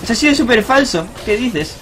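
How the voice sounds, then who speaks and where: A young man talks through his own match as he plays. His voice sits high for a man and jumps up in loud bursts of cheering, then drops back to quick, muttered analysis. A faint hiss of background noise runs under the talk. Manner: excitable, swears and shouts on big plays. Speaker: gaming streamer. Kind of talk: live gameplay commentary.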